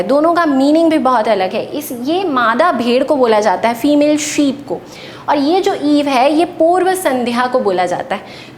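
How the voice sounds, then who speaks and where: In an echoey room with a faint rumble underneath, a woman lectures her class patiently as a teacher and supplies answers to the questions she raises.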